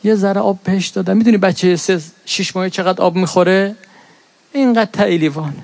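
A middle-aged man preaching a mourning sermon in a high voice. He moves from plain storytelling into an impassioned, lamenting chant of recited verses. The sound is dry and close, with no room around it. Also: gravelly, a little mellow, no echo.

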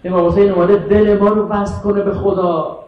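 Impassioned high-voiced male preacher, echoey hall. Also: flat delivery. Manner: impassioned, rhetorical questions to the audience. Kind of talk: sermon. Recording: echoey muffled hall recording with faint noise.

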